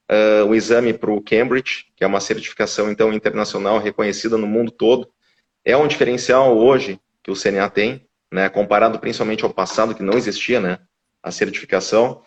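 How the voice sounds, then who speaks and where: A man's voice: on the low side, steady tone, fairly quick. A man, a guest from a language school, explaining at length in casual live-stream conversation with frequent restarts. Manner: explanatory, restarts with repeated words. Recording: dull lo-fi audio.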